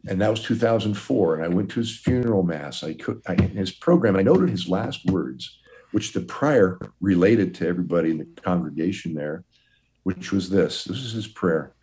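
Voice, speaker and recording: Older guy, a priest, low mellow voice, folksy storyteller, chuckles a lot. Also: lively intonation, normal speed. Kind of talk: telling his life story in an interview.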